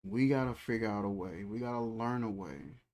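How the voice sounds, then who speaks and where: A man's voice: on the low side, normal speed, a little mellow. A man in his thirties giving a reflective, conversational faith talk, repeating phrases and speaking in a loose, colloquial way. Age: 30s. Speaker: faith channel host.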